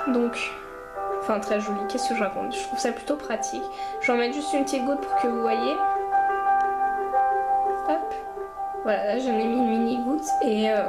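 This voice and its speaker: A woman's voice: on the high side, echoey room, rough recording. A woman beauty vlogger reviewing a makeup kit in a rambling, chatty way, talking straight to her viewers. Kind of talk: casual makeup review and tutorial.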